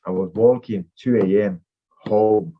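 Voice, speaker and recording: A man's voice: on the low side, fairly even intonation, unhurried, phone-quality sound, a little hiss or hum. A man in his twenties, raised in Finland and a native Finnish speaker, giving rambling, filler-heavy answers as a fighter in an interview. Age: 20s. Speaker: MMA fighter guest.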